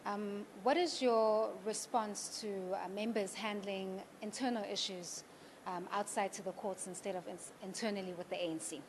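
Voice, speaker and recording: A woman's voice: mid-range voice, steady tone, moderate pace, a little hiss or hum. A woman with a South African accent moderating a town hall debate, putting polite questions to panelists.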